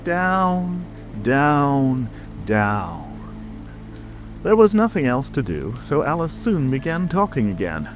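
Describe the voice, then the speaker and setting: A man narrating a children's storybook in an expressive, dramatic scripted reading. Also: mid-range voice, slow pace. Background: music.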